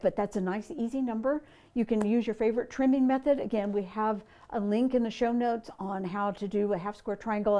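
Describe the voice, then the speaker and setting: A woman's voice: medium pitch, darkish tone. A middle-aged woman hosting a quilting tutorial, chatty and friendly, with frequent ums as she demonstrates sewing steps.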